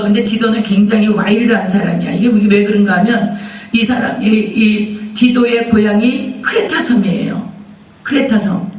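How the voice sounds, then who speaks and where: High-voiced pastor preaching in an echoey hall. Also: male voice, far from the mic. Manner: lively storytelling, asking the congregation questions. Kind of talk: sermon. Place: church sanctuary.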